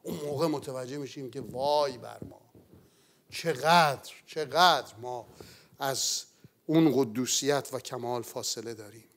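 A man preaching a sermon in an earnest manner, rising to loud exclamations and then falling to near-whispers. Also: medium pitch. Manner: earnest, swells loud then drops to a hush.

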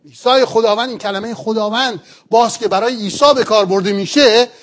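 A man with a fairly high voice teaches a sermon in an earnest, patient way. He explains each point step by step and keeps asking his listeners rhetorical questions. He sounds middle-aged. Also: a bit bright. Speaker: pastor.

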